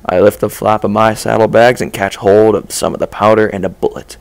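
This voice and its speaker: A man reading a dark first-person story aloud in a measured, low-key way. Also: level tone, gravelly, clean tone, no room sound. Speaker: story reader. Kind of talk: first-person fan-fiction narration.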